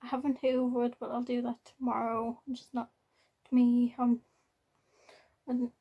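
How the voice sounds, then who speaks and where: A young woman with an Irish accent chats casually to her vlog viewers in a rambling, halting way, often repeating herself. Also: a little high, completely flat delivery, slightly rough, highs cut off. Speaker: vlogger. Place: at home, in a room.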